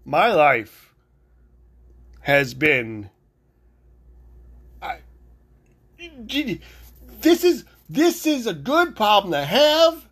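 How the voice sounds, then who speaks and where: A man hosting his own podcast, talking loudly in a rambling, excitable way, often stopping and restarting his sentences. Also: high voice, extremely slow, pauses often. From Italian heritage. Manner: loud, rambling, self-interrupting, excitable. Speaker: podcast host. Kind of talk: solo podcast rant.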